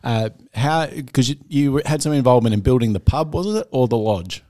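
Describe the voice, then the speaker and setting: Hesitant podcast host. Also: male voice, mid-range voice, a little fast, dark tone. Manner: hesitant, restarts questions. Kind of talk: interview questions.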